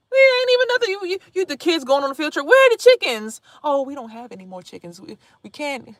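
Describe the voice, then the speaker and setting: Her voice is very high-pitched, with no echo. She's a blunt woman in her thirties vlogging live, animated and swearing freely as she tosses chatty asides to viewers in casual stream talk.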